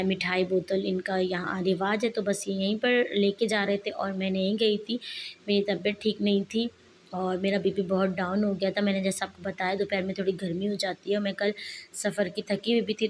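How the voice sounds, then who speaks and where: A woman's voice: medium pitch, a little hiss or hum. Chatty woman vlogger. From Pakistan. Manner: chatty, laughing asides. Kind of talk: casual vlog narration.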